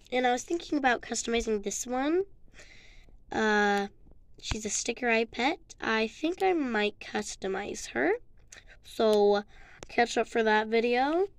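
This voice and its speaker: A young woman with a voice pitched a little high chats through her vlog in a loose show-and-tell way. She rambles and fills her sentences with ums and likes. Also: slight background noise. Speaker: vlogger showing her custom toy figures. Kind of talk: casual show-and-tell chat.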